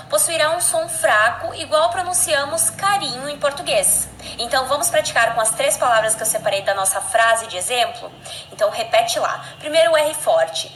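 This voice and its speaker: High-voiced woman teaching in an echoey room. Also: fairly bright tone, a little hiss or hum. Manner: clear, explanatory, addresses the learner directly. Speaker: language teacher. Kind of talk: scripted lesson narration.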